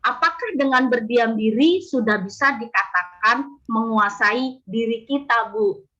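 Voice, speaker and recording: High bright-voiced woman moderator. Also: a little slow, highs cut off, soft background music. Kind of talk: moderating a webinar. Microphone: video call.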